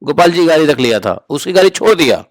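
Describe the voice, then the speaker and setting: A man's voice: a little high, big pitch swings, fast, no room sound. A man as spiritual teacher giving a conversational scripture discourse, often asking listeners rhetorical questions and telling informal stories. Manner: informal, storytelling asides.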